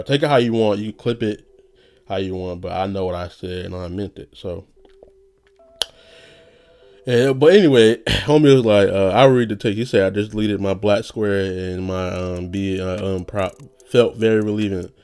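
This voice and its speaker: This casual, rambling monologue comes from a young man with a low, slightly mellow and somewhat nasal voice. He swears freely and often breaks into laughter.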